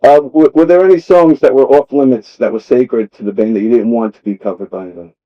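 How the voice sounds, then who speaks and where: Host guy chiming in with yeahs and rights, mid-pitch voice, dull sound. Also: steady tone, a little fast. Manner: short affirmations, laughs along. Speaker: podcast host. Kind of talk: casual interview. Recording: dull lo-fi podcast audio.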